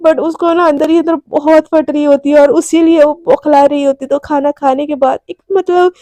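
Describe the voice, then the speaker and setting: A woman's voice: high voice, fairly even intonation, normal speed, mellow, dry recording. A woman narrating a story in a casual, chatty way. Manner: informal, chatty.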